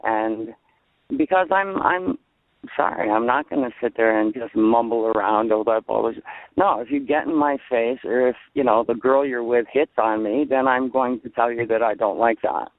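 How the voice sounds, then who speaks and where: A man's voice: medium pitch, moderate pace. Man, earnest and blunt, call-in radio talk, phone-line sound, no room echo. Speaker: caller. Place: outdoors in a parking lot.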